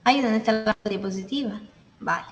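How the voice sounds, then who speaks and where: A woman's voice: mid-range voice, fairly quick, dull audio. A woman teaching a class, explaining step by step with examples and checking that her listeners follow. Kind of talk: classroom lecture. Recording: echoey room, voice from a distance.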